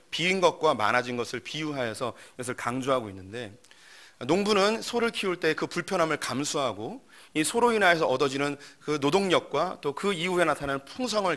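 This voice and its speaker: A male pastor preaching a sermon, explaining the point in a measured, storytelling way. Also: fairly high pitch, pushed and bright. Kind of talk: sermon with acted-out skits.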